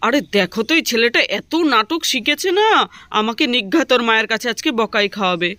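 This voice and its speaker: A woman's voice: a little high, animated, brisk, sharp tone, dry recording. A woman voicing a fussy young village husband in a doll story, chattering to himself and complaining. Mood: exasperated.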